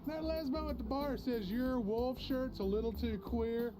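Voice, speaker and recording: A man voicing a sleazy, pushy male pitchman in a spoof commercial played back from an old VHS tape, with over-familiar hard-sell patter. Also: a little slow, over music, low-quality recording. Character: sleazy, pushy male pitchman selling cut-rate ninja hitmen.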